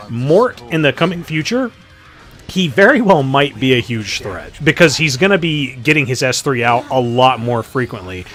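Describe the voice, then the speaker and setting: A man's voice: medium pitch, a bit bright. A man giving casual, joking commentary over his game matches, swearing freely. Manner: profane, joking, offhand. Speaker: gaming commentator.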